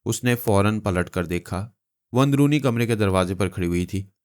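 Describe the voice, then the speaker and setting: This is a man reading a novel aloud in a steady, dramatic audiobook style. His voice is low. It sounds smooth and resonant. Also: normal speed. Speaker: storyteller.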